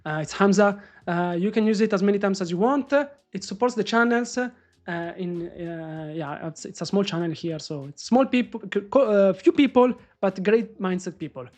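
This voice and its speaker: Excitable man trading live. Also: high-pitched, normal speed. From Morocco. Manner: excitable, swears, shouts at the market. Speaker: day trader live-streaming. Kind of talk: live-stream trading commentary.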